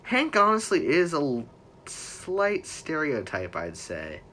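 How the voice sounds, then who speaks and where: A man's voice: fairly high pitch, wildly swooping pitch, takes it slowly, sharp tone, a little hiss or hum. A young man hosting a livestream in a casual, rambling way, correcting himself often as he chats. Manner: rambling, self-correcting, chatty fan talk. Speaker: livestream host.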